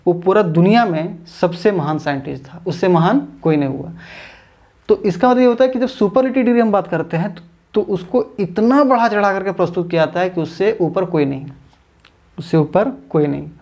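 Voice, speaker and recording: This male grammar teacher online has a high voice with a darkish tone. He walks through English grammar one step at a time, says things more than once, draws out sample words, and calls his audience friends.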